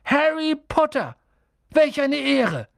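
A man voicing an old, bald innkeeper who speaks in high, reverent, tearful tones. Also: wildly swooping pitch, unhurried, no echo, studio quality, exaggerated voice. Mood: awestruck. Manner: hushed, then high and reverent.

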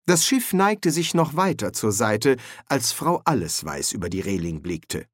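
Lively male audiobook narrator. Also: mid-range voice, unhurried, no echo, clean studio sound. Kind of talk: scripted narration.

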